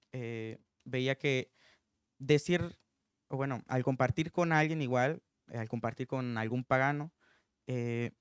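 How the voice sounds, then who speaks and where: A man's voice: mid-range voice, clean tone, dry recording, studio quality. Male preacher, informal sermon, earnest and reflective, resonant voice. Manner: earnest, thinking aloud.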